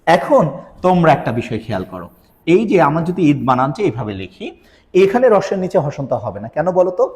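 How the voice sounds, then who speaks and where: Male teacher, lively higher voice, long reverb in the room. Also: quick pace. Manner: explains step by step, quizzes students with questions. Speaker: Bangla grammar teacher. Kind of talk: recorded video lesson.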